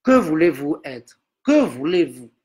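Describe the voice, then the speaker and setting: A man's voice: fairly high pitch, very animated, unhurried, a little mellow, breathy edge. A man translating a sermon into French, earnestly repeating each line after the preacher. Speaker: interpreter.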